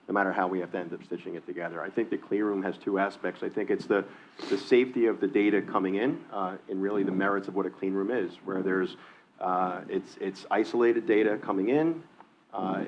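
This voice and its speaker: A man's voice: deep voice, muffled recording, a little hiss or hum. A man on a conference panel, thinking aloud with frequent restarts. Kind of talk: panel discussion.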